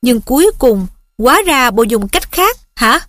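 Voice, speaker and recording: A woman's voice: fairly high pitch, big pitch swings, unhurried, fairly bright tone, dry recording, studio quality. A woman voicing a jealous, sulky teenage boy in an audiobook reading, speaking in a sarcastic, needling way.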